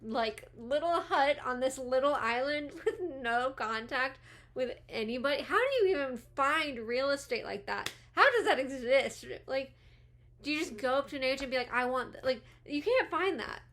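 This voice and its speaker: Bright, chatty young woman with retainers. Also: sits high, lively intonation, normal speed. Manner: chatty, giggly, goes off on tangents. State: talking around new retainers. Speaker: YouTube movie commentator. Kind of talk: casual movie commentary.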